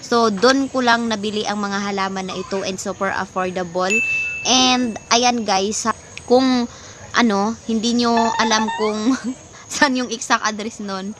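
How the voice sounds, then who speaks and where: A woman's voice: mid-range voice, unhurried, noisy background. A Filipino woman chatting casually in a home vlog, mixing English into her talk, with lots of fillers. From Philippines. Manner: chatty, mixes English into Tagalog, many fillers, laughs often. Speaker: plant vlogger.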